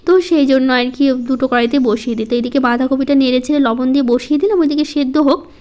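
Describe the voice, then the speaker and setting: A woman narrates a casual home vlog over her footage. Her voice sits high but sounds mellow and warm. She speaks softly and slowly, and now and then she pauses or gets stuck on a word. The voice-over recording is a little dull and lo-fi. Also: fairly even intonation. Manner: slow, soft-spoken, halting. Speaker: home vlogger.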